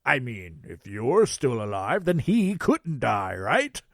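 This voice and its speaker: A man voicing a jolly, foul-mouthed old Santa Claus in a storybook, with a booming, merry, taunting delivery. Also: sing-song, slow pace, creaky, no echo, studio quality, heavily acted. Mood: sheepish. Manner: taunting, cryptic, theatrical.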